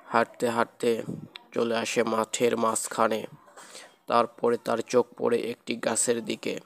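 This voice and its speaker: A man's voice: mid-range voice, monotone, unhurried, gravelly, fairly bright tone. A man narrating a children's cartoon ghost story in a plain, repetitive storytelling manner.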